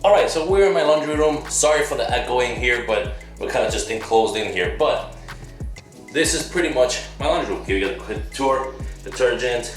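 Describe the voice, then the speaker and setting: A man's voice: medium pitch, expressive, normal speed, soft background music. A man chatting casually through a how-to video in a small enclosed laundry room, his voice echoing off the walls. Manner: chatty, rambling, self-correcting. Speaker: car video maker. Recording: echoey small room, a bit off-mic.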